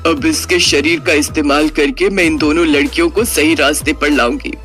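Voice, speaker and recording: A woman voicing a worried mother who has become a witch spirit, speaking low and fretfully. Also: steady tone, moderate pace, a bit bright, faint music behind. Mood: scheming. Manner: low, fretful, scolding muttering. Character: worried widowed mother turned ghostly witch.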